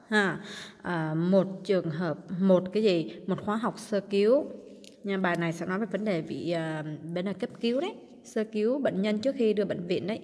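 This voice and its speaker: Slow-paced Vietnamese-accented woman teacher. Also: mid-range voice. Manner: repeats each English word slowly, then gives its meaning; frequent hesitation fillers. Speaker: English teacher. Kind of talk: vocabulary lesson. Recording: long hall reverb.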